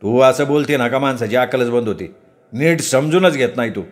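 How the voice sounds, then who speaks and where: A man's voice: medium pitch, fairly quick, lightly acted. A man doing a brash dismissive village son. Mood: boastful. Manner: dismissive, offhand, rustic speech.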